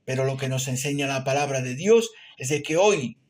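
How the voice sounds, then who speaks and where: A man's voice: medium pitch, expressive, moderate pace. A man preaching a short sermon meditation, earnest, often adding amen and little tag questions.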